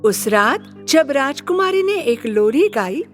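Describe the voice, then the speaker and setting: A woman narrating a children's fairy tale in a gentle storybook manner. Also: high-pitched, very animated, slow pace. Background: soft music.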